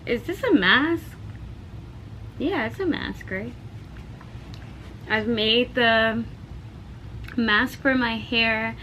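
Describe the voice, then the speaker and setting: Woman, hair vlogger, casual chat, slightly high voice, slow easy pace, chatty asides to viewers. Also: sharp tone, slight background noise, low-quality recording.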